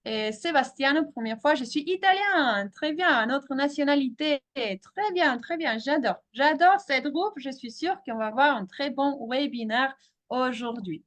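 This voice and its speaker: A woman's voice: high voice, a little slow, fairly bright tone. A woman with a French accent teaching an online class, switching between French and English and often repeating her words. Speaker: French teacher hosting a webinar.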